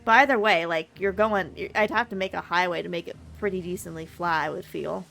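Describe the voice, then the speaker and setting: A woman's voice: fairly low pitch, steady tone, fairly quick, vocal fry, a bit bright, faint music behind. A woman live streamer giving casual gaming commentary, chatting and thinking aloud with some mild swearing.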